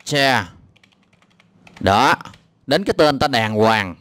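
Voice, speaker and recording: A man's voice: mid-range voice, animated, takes it slowly, fairly bright tone, no echo. A man with a Southern Vietnamese accent giving exasperated, mocking reaction commentary on a clip, with lots of hesitant filler sounds. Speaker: video commentator.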